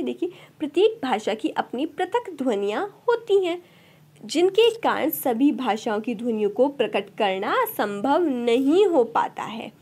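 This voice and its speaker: A woman's voice: high voice, darkish tone, slightly rough. A woman teaching an exam-prep lecture, asking rhetorical questions and answering them herself. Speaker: Sanskrit teacher.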